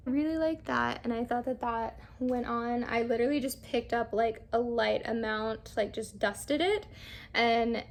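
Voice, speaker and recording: A woman's voice: fairly high pitch, unhurried, gravelly. A young woman chatting casually through a makeup try-on, rambling with lots of fillers. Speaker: beauty vlogger.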